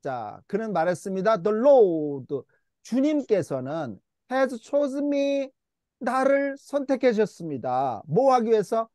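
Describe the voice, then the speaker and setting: Taking it slowly, a man with a high, animated voice coaxes a church English class through Bible call-and-response drills, drawing words out for them to repeat. He's patient throughout, and the sound is close and dry with no echo.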